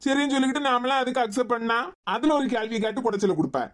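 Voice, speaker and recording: A woman voicing a patient, teasing young husband in a cartoon web series, with a Kanyakumari Tamil accent and a fast, coaxing way of talking. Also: on the high side, lightly acted.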